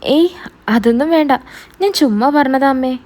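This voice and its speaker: A woman's voice: high-pitched, normal speed, darkish tone, natural voice. A woman voicing a scheming young man who bosses his sister and dodges his mother, talking in a casual, teasing way. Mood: defensive. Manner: casual, bossy, teasing talk.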